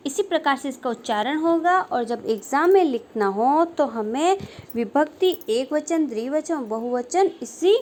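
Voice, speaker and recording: High-pitched woman teacher chanting word forms slow, drops her voice at each ending, faint hiss behind. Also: a little mellow. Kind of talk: slow recitation of grammar lesson.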